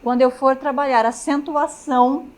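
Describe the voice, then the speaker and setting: A woman's voice: high voice, fairly even intonation, moderate pace, a little mellow. A woman teacher with a Brazilian Portuguese accent giving a grammar lecture at the chalkboard, often stopping to check that students follow. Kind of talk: classroom lecture.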